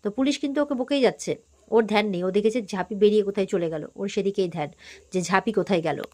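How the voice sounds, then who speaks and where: A woman's voice: medium pitch, quick pace, mellow. A woman host giving a casual, chatty recap of a TV serial episode, talking through it with everyday fillers.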